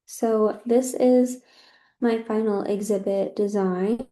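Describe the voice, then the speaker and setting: A woman's voice: mid-range voice, fairly even intonation, takes it slowly, dark tone. A heavily pregnant woman, out of breath, giving an informal student presentation in a conversational, apologetic way. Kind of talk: informal design project presentation.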